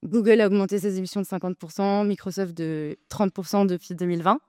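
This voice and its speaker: A woman's voice: medium pitch, steady tone, a little fast, darkish tone, no echo, clean studio sound. A woman arguing in a debate, hesitant with many filler sounds but insistent. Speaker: debate speaker, co-president of a data nonprofit. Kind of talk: debate argument.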